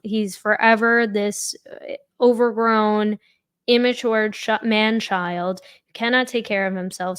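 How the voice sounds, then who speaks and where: A woman's voice: mid-range voice, fairly bright tone, smooth, dry recording. Blunt woman commentator, dry close sound. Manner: blunt, emphatic repetition. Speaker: true crime commentator. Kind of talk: casual opinionated commentary.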